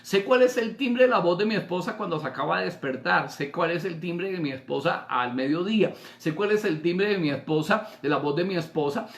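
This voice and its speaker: A pastor preaching a sermon in a slightly high man's voice. He asks his listeners rhetorical questions and swings between loud, emphatic lines and soft, low ones. The room around him is echoey. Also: fairly quick, hardly any pauses.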